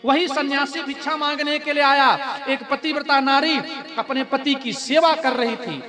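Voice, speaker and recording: High-pitched guy preaching a devotional story, music playing behind. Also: a little slow. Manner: animated storytelling, addressing the audience. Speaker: religious storyteller. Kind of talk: devotional katha sermon.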